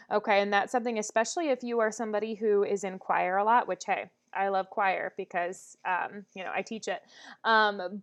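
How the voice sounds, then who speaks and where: A woman voice teacher with a mid-range voice leads a vocal warm-up lesson, saying "um" often as she demonstrates exercises.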